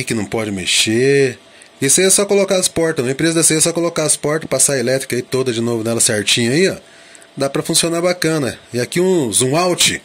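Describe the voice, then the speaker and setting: Low-pitched man with a slightly husky voice. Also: a bit bright. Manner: informal, thinking aloud, asking himself questions. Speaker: drone vlogger. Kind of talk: casual vlog commentary on drone footage.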